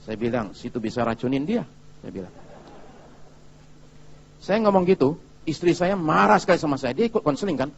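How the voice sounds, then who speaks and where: A male pastor giving a sermon in a lively, chatty storytelling manner, often turning to the congregation with asides. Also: a little high, moderate pace, vocal fry, long pauses, highs cut off, a little hiss or hum.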